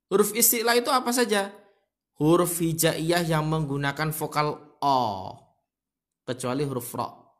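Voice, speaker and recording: A man teaching Quran recitation, explaining letter sounds calmly and demonstrating them by repeating syllables and chanting verses slowly. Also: a little high. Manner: calm explanatory tone with frequent "ya" tags. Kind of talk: explaining tajwid with recited examples.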